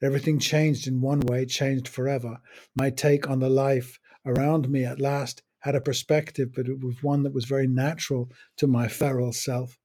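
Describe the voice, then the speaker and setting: An older podcast host delivers a reflective personal monologue, musing over his memories at a measured, unhurried pace. His mid-range voice is mellow, a little husky and flat, and he lets short phrases fall apart with long pauses in between.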